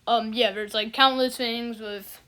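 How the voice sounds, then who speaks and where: A sharp-toned woman with a slightly high, steady voice speaks a little slowly. She's an online reviewer whose casual review rambles on, unimpressed and filler-heavy, with "you know what I'm saying" coming up over and over.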